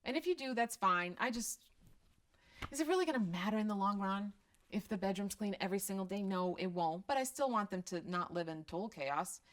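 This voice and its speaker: This is a middle-aged Croatian woman, her accent slight, speaking at medium pitch and a fairly quick pace. She chats casually about parenting during a live stream and takes viewer questions, staying candid and self-deprecating.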